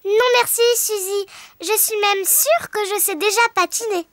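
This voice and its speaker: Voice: extremely high pitch, moderate pace, a bit bright, no echo. A performer voicing a cheerful, boastful little girl pig in a preschool cartoon dub, giggly and sure of herself. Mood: bossy.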